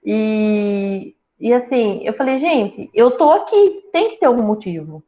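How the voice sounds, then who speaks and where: A woman from a small town in Brazil tells her own story in a casual talk. She jokes a lot and acts out other people's lines. Her voice sits a little high and comes through dull and lo-fi. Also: unhurried. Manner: lively, joking storyteller. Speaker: breast cancer patient sharing her story. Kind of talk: casual conversation. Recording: dull lo-fi sound.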